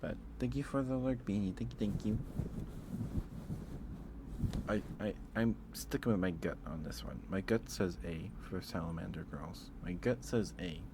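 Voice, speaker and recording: During an ASMR livestream, a man chats casually while ranking things, sounding hesitant and repeating phrases as he thinks aloud. His voice is deep, at normal speed with hardly any pauses, and there's background noise.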